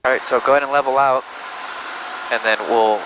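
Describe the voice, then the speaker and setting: A man's voice: medium pitch, steady tone, a little fast. A man coaching a student pilot step by step in an informal way during a flight, talking on a headset. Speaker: flight instructor. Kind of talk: hands-on instruction during a flight. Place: small airplane cockpit in flight. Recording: loud engine noise in small aircraft.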